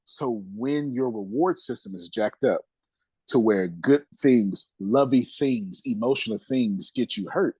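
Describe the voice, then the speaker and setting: A man's voice: mid-range voice, measured pace, a little mellow, slightly rough, no room sound. A man being interviewed on a podcast, telling his life story candidly and emphatically, with speech and streetwise slang, repeating phrases for weight. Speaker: podcast guest.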